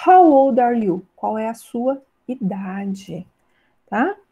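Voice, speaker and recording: Teacher, mellow voice, English examples. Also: female voice, on the high side, lively intonation. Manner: explains in Portuguese, reads English examples slowly and clearly; keeps checking in with "né?" and "tá?". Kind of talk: online class lesson.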